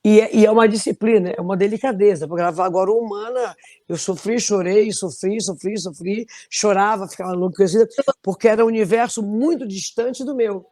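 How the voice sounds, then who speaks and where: Speaking a little fast at medium pitch, a middle-aged woman from Belém with a Brazilian Portuguese accent recounts lively stories in a conversational interview. She's a singer, and she frequently restarts as she talks.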